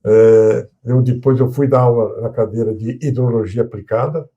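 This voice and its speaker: With a São Paulo coast accent, a Brazilian civil engineer in his sixties takes his time recounting his career during an informal interview, stumbling into many restarts and pauses. His mid-range voice is dark with fairly even intonation, and the audio's high frequencies are cut off.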